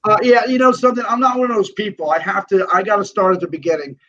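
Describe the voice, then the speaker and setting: A man co-hosting a casual podcast chat, animated and given to swearing rants. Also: high voice, fast talker, a crowd in the background. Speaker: podcast co-host. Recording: dull lo-fi sound.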